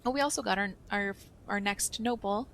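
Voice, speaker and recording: A woman's voice: medium pitch, moderate pace, a bit bright, a little hiss or hum. A young woman hosting a let's play, chatting casually and thinking aloud as she plays. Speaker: gaming channel host.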